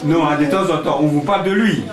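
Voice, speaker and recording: A man's voice: on the high side, fast, music in the background. A man, a singing-school teacher talking with children in class, asking questions, encouraging them and laughing often. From Congo. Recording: echoey room with children's crowd noise.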